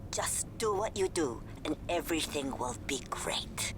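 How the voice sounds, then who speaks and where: A woman voicing a doting mother of a young racing driver, speaking in a soft, fussy, affectionate way with a British accent. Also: low-pitched, expressive, unhurried. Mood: fond. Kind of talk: video game cutscene dialogue. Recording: game audio with clear background noise.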